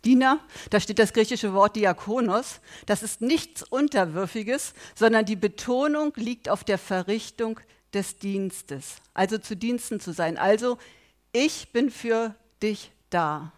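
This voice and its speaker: A woman's voice: medium pitch, unhurried. Impassioned woman preaching a sermon. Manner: impassioned, swinging from loud appeals to quiet emphasis. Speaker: pastor.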